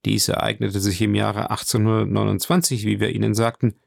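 A man reading a classic novel aloud as an audiobook narrator, telling it calmly and evenly. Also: fairly low pitch, fairly quick, vocal fry, no room sound, studio quality. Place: coworking space.

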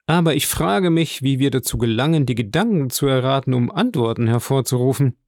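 A man's voice: mid-range voice, animated, fairly quick, darkish tone, no echo, lightly acted. Fussy formal notary guy in an audiobook, talks on and on, read by a man, dry sound. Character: eager, wordy middle-aged male notary.

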